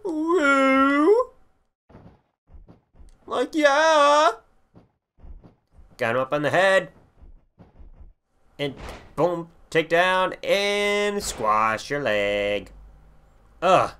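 Excitable, swearing young man gaming. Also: on the high side, takes it slowly, pauses often, clean tone. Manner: profane, excitable, shouts at the game. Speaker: gaming channel host. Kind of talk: let's play commentary.

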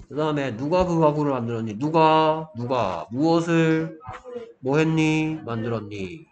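Speaking a little slowly, a man lectures on English grammar in a slightly high, somewhat mellow voice with lively intonation. He repeatedly checks that students are keeping up and answers his own questions. The recording is muffled, echoey, and has faint background noise.

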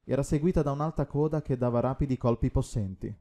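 A man reading a novel aloud as audiobook narrator in a steady, measured way. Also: medium pitch. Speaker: audiobook reader. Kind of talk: scripted narration.

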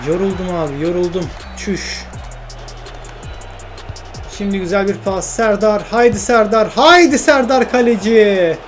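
High-voiced young man, excitable game commentary. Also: unhurried, over music. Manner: shouts at teammates, frustrated and joking. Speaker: gaming YouTuber.

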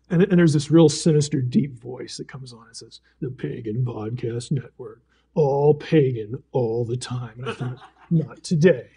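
Man, Bible teacher, live talk to a gathering, animated, stumbling restarts, mellow husky voice. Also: fairly high pitch. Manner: animated storytelling with frequent restarts and chuckles. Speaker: Bible teacher speaking to a fellowship.

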